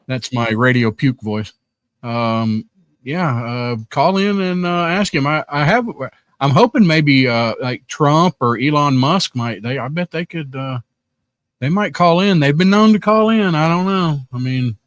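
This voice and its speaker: A man's voice: fairly high pitch, lively intonation, measured pace, no echo. A man hosting a live stream, rambling and joking casually, inviting viewers to call in. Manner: rambling, jokey, self-deprecating. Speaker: host.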